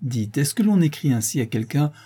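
A man's voice: medium pitch, very animated, fairly quick, dark tone, slightly rough. A man voicing a young female artist who pleads and insists anxiously, clinging to hope, in an audiobook. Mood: insistent.

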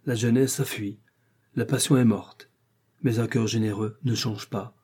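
Husky low-voiced male audiobook narrator. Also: steady tone, warm tone. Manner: measured literary storytelling in first person. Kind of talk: scripted narration.

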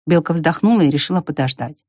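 A woman narrating a children's story in an expressive storytelling manner. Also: deep voice, fast, no echo, clean studio sound.

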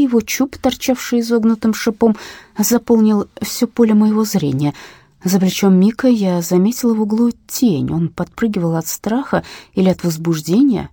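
Woman, audiobook narrator, first-person reading, expressive, lively melody, dry sound. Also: mid-range voice, breathy edge, no room sound. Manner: expressive, drops to a whisper in tense moments.

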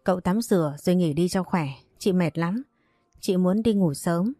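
A woman's voice: fairly low pitch, moderate pace, mellow, dry recording, clean studio sound, soft background music, natural voice. A woman voicing a weary, heartbroken young wife who answers in a tired, subdued way.

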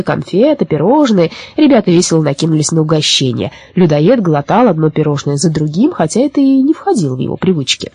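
A woman narrating a children's storybook in an expressive, animated way. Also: lowish voice, breathy edge, no room sound. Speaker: audiobook reader.

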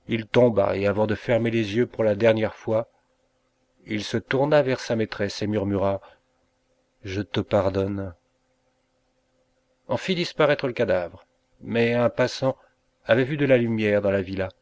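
A man reading a short story aloud in an unhurried, dramatic manner, voicing the dialogue himself. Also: lowish voice, a little mellow. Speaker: reader of short stories. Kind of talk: slow literary narration with dialogue voiced.

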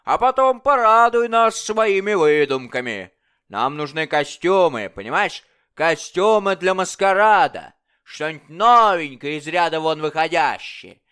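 A cruel, boisterous king roars and taunts in a storybook reading, his voice raised high and loud as a man acts him out. The tone stays smooth and resonant beneath the bluster, all bullying mockery. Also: animated, measured pace. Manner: bellowing, mocking, booming laughter.

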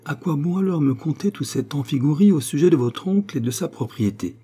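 A scheming woman who sneers and mocks, flaring into high, shrill outbursts, as a male narrator puts her on in an audiobook. The voice stays husky and mellow underneath. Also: expressive, a little fast. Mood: scornful.

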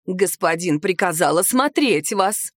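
Woman playing older midwife, calm, slow, flat, lowered voice, dry. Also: no room sound.

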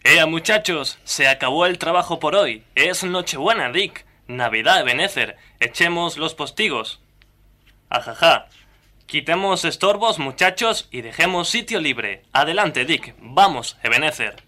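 A man's voice: on the high side, lively intonation, a little slow, bright, forceful tone, pitched above the performer's own voice, full character voice. A man voicing a jolly old merchant who calls out cheerfully to his apprentices in a radio story. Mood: jovial. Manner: boisterous, cheerful calling out. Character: jolly old male merchant, hearty employer. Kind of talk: radio drama reading.

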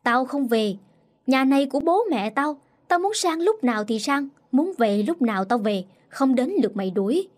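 A woman voicing a sharp-tongued, scornful sister-in-law who scolds loudly, in a storybook reading. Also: high voice, lively intonation, normal speed. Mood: scornful, scolding. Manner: loud, mocking and scolding.

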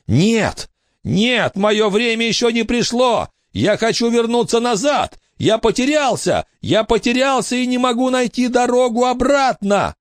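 A man's voice: very high-pitched, lively intonation, unhurried, no echo, studio quality, voice pushed up. A man voicing a lost, wailing mill-worker ghost. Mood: desperate wailing. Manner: wailing, desperate pleading shouts.

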